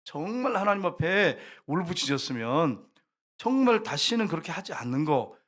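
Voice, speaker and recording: Lively higher-voiced male pastor preaching. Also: normal speed. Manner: lively storytelling, acts out voices and rooster crows; often addresses the congregation directly. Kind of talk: sermon.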